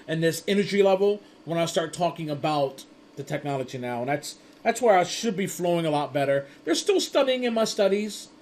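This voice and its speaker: A man's voice: high voice, a little hiss or hum. A man teaching an introductory networking course in a casual, chatty way, telling stories and often stumbling and restarting his sentences. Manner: rambling with frequent restarts and stumbles; chatty storytelling with acted-out quotes. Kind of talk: casual spoken lecture.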